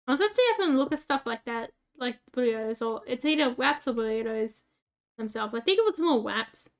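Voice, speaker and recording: With a fairly high, lively voice and a fairly quick pace, a rural Australian woman chats casually over gameplay for YouTube. She rambles, uses lots of fillers and jokes about herself.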